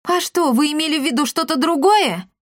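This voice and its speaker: A woman voicing a scatterbrained, greedy ginger tomcat with a high, whiny voice. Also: a little fast, no echo, clean studio sound, close to an everyday voice. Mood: excited. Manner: whiny, excitable.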